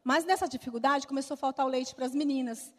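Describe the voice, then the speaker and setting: A middle-aged woman with a Brazilian Portuguese accent sharing a personal testimony with lively storytelling and acted-out dialogue, in a church hall. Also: sits high, quick pace. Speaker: speaker giving a testimony. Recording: long reverb of a large hall.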